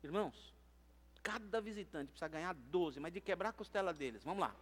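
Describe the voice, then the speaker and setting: In a church sanctuary, a Brazilian pastor with a high voice delivers a lively, brisk sermon in Brazilian Portuguese. Animated, playful and humorous, he slips into quiet asides and then calls out loudly to the congregation.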